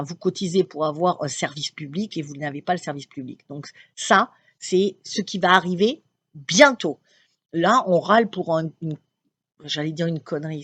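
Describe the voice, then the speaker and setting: A woman's voice: deep voice, husky, no room sound. Chatty Frenchwoman with a close, dry sound. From France. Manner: chatty, laughs often, lively storytelling with frequent restarts. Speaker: channeler speaking to her followers. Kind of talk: casual spoken monologue.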